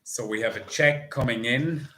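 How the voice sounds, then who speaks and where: An Irish man working as a bingo caller, announcing numbers digit by digit in a measured, repetitive way. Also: mid-range voice, pushed and bright, slight background noise, poor audio.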